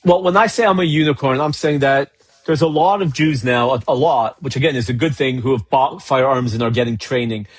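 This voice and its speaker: A man speaks as a podcast guest, his voice a bit husky in a dry, close recording. He tells stories in an easy conversational way, often acting out what others said and restarting his sentences. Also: mid-range voice, brisk, no room sound. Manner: storytelling, acts out dialogue with frequent restarts. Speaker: guest, gun rights advocate. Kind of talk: casual podcast chat.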